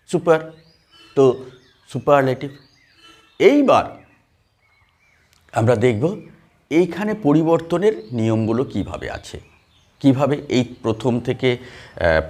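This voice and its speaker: A man teaching English grammar in a classroom, explaining step by step with many fillers and questions to the students. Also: on the high side. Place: classroom with a board.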